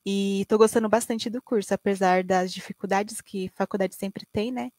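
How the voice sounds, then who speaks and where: A woman's voice: mid-range voice, fairly even intonation, moderate pace, a little mellow, dry recording. A woman in her late twenties with a Brazilian accent, answering interview questions in a friendly way over a gaming headset from her bedroom. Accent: Brazilian Portuguese. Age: 20s. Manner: friendly, tags sentences with "né". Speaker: guest streamer.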